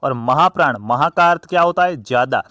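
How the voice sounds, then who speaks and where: A man's voice: a little high, a little fast, bright, forceful tone, no room sound, clean studio sound. A man teaching a lesson, asking questions and answering them himself, repeating key terms and stretching them out for emphasis. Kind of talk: classroom lesson on grammar.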